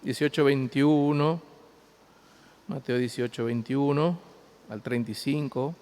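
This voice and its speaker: A pastor preaching a sermon, reading scripture aloud and explaining it, swinging between loud emphasis and quiet asides. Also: male voice, medium pitch, slow. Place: church. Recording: long hall reverb.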